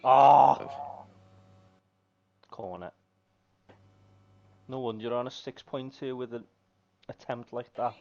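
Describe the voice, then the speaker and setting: A man chatting casually while gaming with friends; he talks loudly and sometimes bursts into song. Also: medium pitch, unhurried, pauses often, highs cut off. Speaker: streamer playing with friends.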